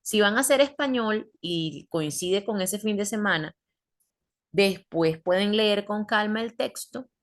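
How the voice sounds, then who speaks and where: Teaching English online, this woman patiently works through material one step at a time, posing questions to the class. She speaks at a measured pace with a medium pitch.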